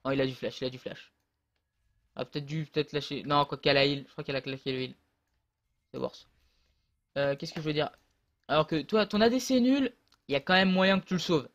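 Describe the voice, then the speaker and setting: A man's voice: a little high, a little fast, long pauses, fairly bright tone, highs cut off. A man casually commentating his own online match, rambling and hesitant with many fillers and restarts, on a close desk mic.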